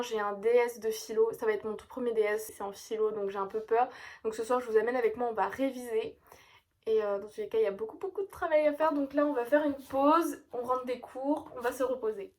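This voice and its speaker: A woman's voice: on the high side, darkish tone. A young woman in her late teens from France, chatting casually and gushingly at home in a vlog, full of fillers. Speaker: vlogger. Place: at home indoors.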